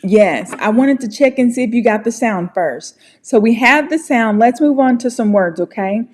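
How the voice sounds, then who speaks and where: With a fairly high, darkish voice and lively intonation, an American woman leads a casual online pronunciation lesson for English, encouraging and friendly while speaking slowly and deliberately.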